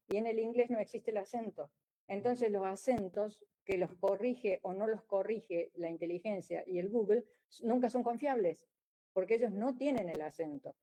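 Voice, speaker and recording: A woman's voice: medium pitch, mellow, low-quality recording. A woman giving a conference lecture as a geologist, explaining in a wry way with frequent restarts. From Argentina.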